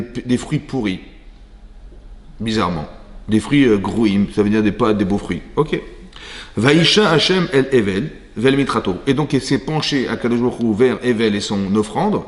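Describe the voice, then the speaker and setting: A man giving a Torah class to women, reading verses and explaining them in a conversational way, often checking on his listeners. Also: mid-range voice. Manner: reads Hebrew verses then explains in French. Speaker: rabbi teaching a women's class. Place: synagogue hall. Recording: long reverb of a synagogue hall.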